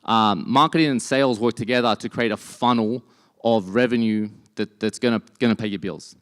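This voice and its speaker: A middle-aged Australian man talks business to a live audience, loose and conversational, full of ums and quick restarts. His voice comes through smooth and resonant, pitched right in the middle range for a man. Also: fairly bright tone. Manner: casual, chatty, many fillers and restarts. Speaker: speaker. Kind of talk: conference talk to a live audience. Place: event venue.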